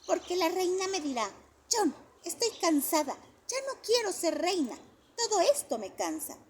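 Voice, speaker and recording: A woman's voice: very high-pitched, very animated, normal speed, a little mellow, a little hiss or hum, pitched above the performer's own voice. A woman voicing a stubborn, boastful four-year-old boy who insists he will be king, in a storybook reading. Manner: stubborn, triumphant. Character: boastful little boy dreaming of being king.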